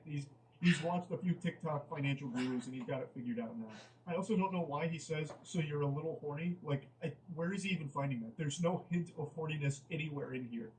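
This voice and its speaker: A man's voice: a little high, fairly quick, distant mic, slight background noise, low-quality recording. A man giving comedic commentary on a dating app chat he reads out. He sounds incredulous and exasperated and swears freely.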